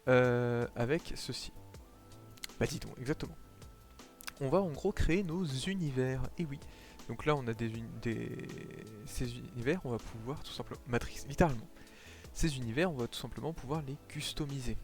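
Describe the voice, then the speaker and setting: With a mid-range voice at normal speed, this streamer talks casually to his audience while playing live, explaining as he goes and filling his speech with fillers. Faint background music can be heard in this casual gameplay commentary.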